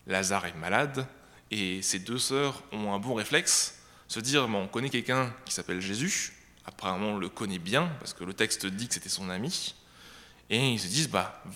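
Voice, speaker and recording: A man reading a Bible passage aloud, then explaining it in a conversational sermon that pauses to search for words. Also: on the low side, sharp tone, in a large hall. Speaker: preacher.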